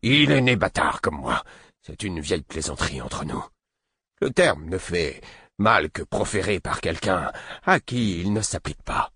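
A man voicing a stern older male mentor who gives curt orders and shouts in anger, reading an audiobook. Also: low-pitched, very animated, unhurried, breathy edge, dry recording, studio quality, pitched above the performer's own voice, exaggerated voice. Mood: brusque. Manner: curt and commanding, rising to shouts.

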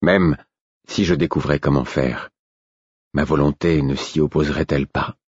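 A man reading a first-person story aloud in a measured, grave narration. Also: rumbling low, steady tone, slightly rough, dry recording. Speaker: audiobook narrator. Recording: dry, slightly dull recording.

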